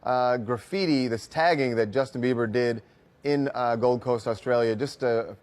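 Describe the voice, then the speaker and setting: A man hosting an entertainment news talk show with a brisk, jokey anchor delivery. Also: mid-range voice, a little mellow. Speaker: show host.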